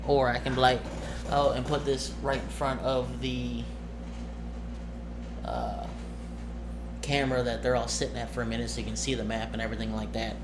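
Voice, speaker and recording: An amateur game master presents a video about his tabletop roleplaying game, talking casually and informally in a mid-range voice. He rambles and corrects himself as he goes, sitting indoors at a desk with a monitor and cameras. It's a noisy home recording with room ambience.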